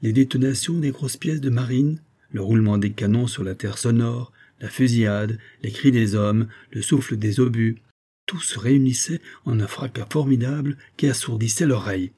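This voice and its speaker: Husky, low, mellow-toned male reader for classic fiction audiobook narration. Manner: measured, lifts voice for dialogue. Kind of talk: scripted narration of a classic novel.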